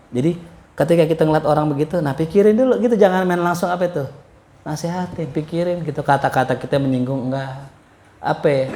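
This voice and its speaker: Male preacher, casual joking lecture, frequent chuckles, mid-pitched voice, echoey hall sound. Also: mellow. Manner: joking, chuckles often, conversational. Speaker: Islamic preacher. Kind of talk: casual religious study lecture. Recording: roomy echo.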